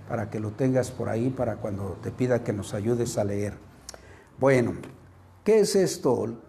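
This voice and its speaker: A man's voice: mid-range voice, dark tone. A man preaching a sermon as pastor, often asking the congregation questions and growing more fervent as he goes.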